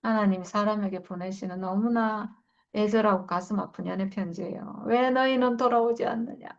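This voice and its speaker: A woman talks through a Bible passage, reading verses aloud and then reflecting with earnest, heartfelt feeling. Her voice sits at a middle pitch. The recording is dull and lo-fi. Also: steady tone, normal speed. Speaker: Bible study leader. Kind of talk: Bible study talk.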